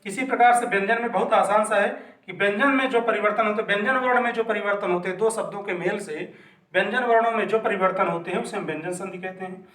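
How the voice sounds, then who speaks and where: A man's voice: high-pitched, quick pace, fairly bright tone. A man teaching a grammar lesson patiently, asking questions and answering them himself. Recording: echoey room, mic at a distance.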